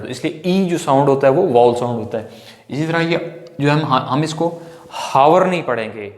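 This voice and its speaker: A male English teacher gives a step-by-step grammar lecture at a middle pitch. He keeps repeating points and asks his viewers questions before answering them. The sound is roomy, with a long reverb tail. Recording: echoey room with long reverb.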